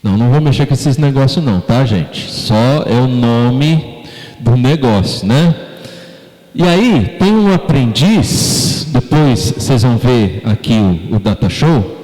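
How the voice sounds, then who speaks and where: A man's voice: mid-range voice, expressive, unhurried, mellow. A man with a Brazilian Portuguese accent preaching a sermon as pastor, talking conversationally and putting questions to the congregation. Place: church sanctuary. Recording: long church-hall reverb.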